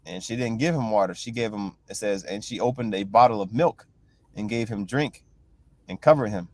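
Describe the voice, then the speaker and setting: A man's voice: on the low side, moderate pace, darkish tone, no room sound. A man leading a casual bible class, reading verses aloud and retelling them loosely, with constant "you know" and "right?" check-ins. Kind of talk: casual scripture teaching.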